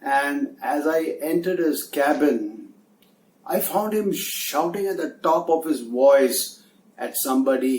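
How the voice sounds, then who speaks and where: Earnest trainer in an echoey room. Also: male voice, medium pitch, darkish tone, a little hiss or hum. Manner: earnest, conversational. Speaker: soft skills trainer. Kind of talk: storytelling lesson to camera. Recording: echoey room, distant mic, faint ambience.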